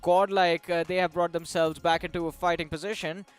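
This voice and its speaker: A man's voice: a little high, flat delivery, a little fast, clean tone, faint music behind. A man with an Indian English accent, casting and analysing a mobile esports tournament in an upbeat, bantering way. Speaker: esports caster. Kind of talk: esports analyst desk commentary.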